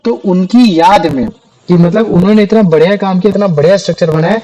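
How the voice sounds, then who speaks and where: A man's voice: sits high, fast, dark tone, dull audio. A man teaching a chemistry class, talking casually to his students and asking them questions. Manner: chatty, calls students "bhaiya".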